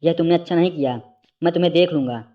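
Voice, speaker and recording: A man's voice: on the high side, fast talker, lo-fi sound, close to an everyday voice. A man voicing a menacing middle-aged male family friend who talks in a cold, mocking way, in a storybook reading.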